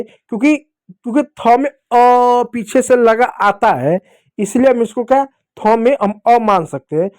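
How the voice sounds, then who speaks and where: A male teacher with an Indian Hindi accent teaches children, patiently repeating points and answering his own questions. His voice sits high and sounds a little mellow.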